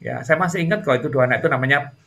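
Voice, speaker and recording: Speaking rapid-fire in a gravelly voice, a middle-aged interview guest shares a story in a relaxed conversation. Fillers pepper his chatty delivery, and his voice leaps higher at the livelier moments.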